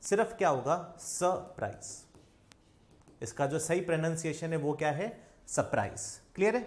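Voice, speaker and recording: A man's voice: a little high, fast talker, darkish tone. A young man from India with an Indian accent, teaching an online spoken English lesson and quizzing viewers with repeated questions.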